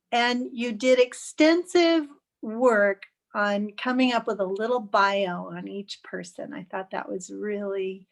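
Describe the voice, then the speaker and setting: A woman giving encouraging, chatty feedback on a speech over a video call. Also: mid-range voice. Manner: encouraging, chatty, gently picky. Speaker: speech evaluator. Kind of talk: giving spoken feedback in an online club meeting. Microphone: computer mic on a video call.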